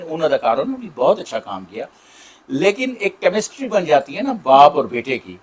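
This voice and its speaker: A middle-aged actor with a Saraiki accent, answering interview questions in a warm, grateful way with many pauses. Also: male voice, mid-range voice. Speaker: Saraiki drama and film actor.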